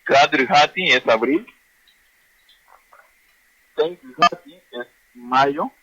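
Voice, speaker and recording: A man teaching a language class, slowly repeating and drilling words for his listeners. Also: a little high, fairly bright tone, slightly rough, highs cut off. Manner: slow, repetitive drilling of words.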